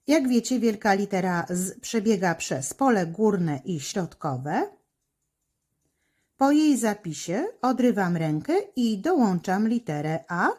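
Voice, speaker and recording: A woman teacher explaining handwriting step by step, slowly and patiently, to children. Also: mid-range voice, darkish tone.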